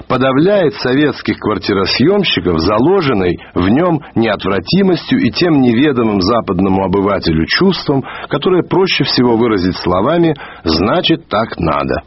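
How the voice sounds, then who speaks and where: A man reading a literary review aloud in a measured way, slowing down to stress key words, heard on an old archive radio recording. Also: lowish voice, husky, lo-fi sound. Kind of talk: read literary commentary.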